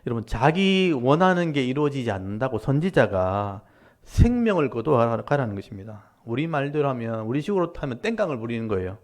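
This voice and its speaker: A man, a pastor, preaching a sermon and explaining scripture to his congregation in a direct, conversational way, with lively rises and falls for emphasis. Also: mid-range voice, fairly quick. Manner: animated preaching with rising and falling emphasis. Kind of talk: Korean Wednesday-service sermon.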